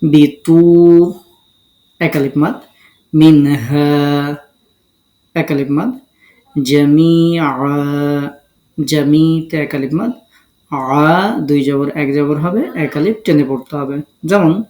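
A Quran recitation teacher from Bangladesh giving a step-by-step lesson, breaking words into syllables and spelling out each rule deliberately. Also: mid-range voice, a little mellow, roomy sound.

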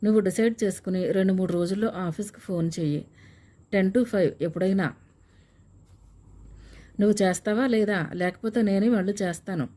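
A woman's voice: medium pitch, fairly quick, pauses often, mellow, natural voice. A woman reading a shy young fiancé. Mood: coaxing. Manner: hesitant, then coaxing. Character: young man, shy then eager fiancé. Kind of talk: audiobook character reading.

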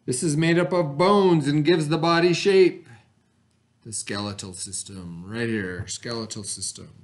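His voice on the high side, steady and unhurried, the middle-aged teacher leads an elementary vocabulary read-aloud for children over a remote connection. Indoors in a classroom, he explains things plainly, repeats the important terms and uses short tags to check they understand.

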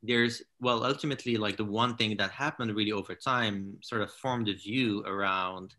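A man in his thirties from Morocco, a founder talking in a casual interview over a video call from his living room, halting with many fillers and restarts. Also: on the low side, steady tone, pushed and bright. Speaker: founder and CEO, guest. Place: home living room with large window. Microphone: laptop or webcam on a video call.

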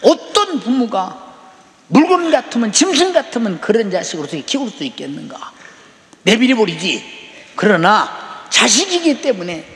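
A man's voice: high-pitched, very animated, moderate pace, fairly bright tone. An older man preaching a sermon as pastor. He presses his points and keeps prodding the congregation with rhetorical questions. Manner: emphatic, rhetorical "eh?" prompts to the congregation. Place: large church sanctuary. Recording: echoey hall reverb.

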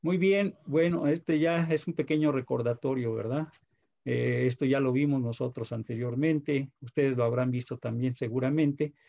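Gravelly Mexican teacher on a dull call. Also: male voice, medium pitch, fairly even intonation, normal speed, mellow. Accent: Mexican Spanish. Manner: patient, asks checking questions. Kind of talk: online class lecture. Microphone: video call. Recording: dull video call audio.

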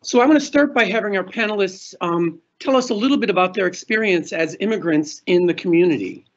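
Man, middle-aged, panel moderator, high voice, husky, formal announcements, muffled video-call sound. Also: fairly quick. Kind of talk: scripted panel introductions. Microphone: video call webcam.

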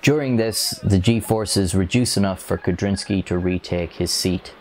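A young man giving a measured, grave scripted narration of an air disaster, speaking into a lapel mic in a dark studio. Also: deep voice, a little hiss or hum. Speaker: documentary narrator.

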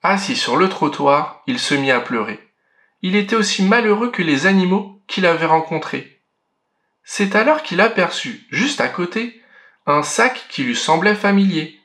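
A man reading a children's picture book aloud in a gentle, clear narration with a story-reading lilt. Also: high-pitched, animated, normal speed.

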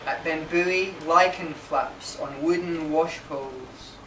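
Heard from afar inside a marquee, where a small audience sits listening, a poet in his forties reads his own work slowly, one measured phrase at a time. He has a fairly high pitch, and the live recording is echoey and noisy.

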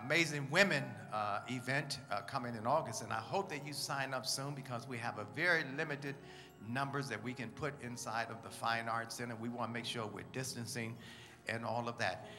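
A man's voice: medium pitch, normal speed. A man preaching as pastor, leading the congregation in call-and-response and telling jokes between announcements. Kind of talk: church announcements and sermon humor. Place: church sanctuary. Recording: reverberant church hall with music.

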